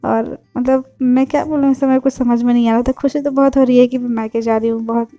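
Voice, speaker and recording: A woman's voice: fairly high pitch, level tone, fast talker, warm tone, no room sound, lo-fi sound, faint music behind. A young woman from Bihar narrating a casual travel vlog in a chatty, repetitive way full of fillers. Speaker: vlogger.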